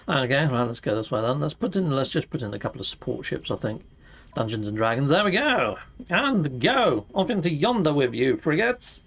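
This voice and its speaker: A man's voice: medium pitch, sing-song, moderate pace, vocal fry, a bit bright. A middle-aged man chatting casually as a gaming YouTube host, exuberant and full of playful catchphrases. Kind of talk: casual gaming stream chat. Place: indoor home streaming setup, seated.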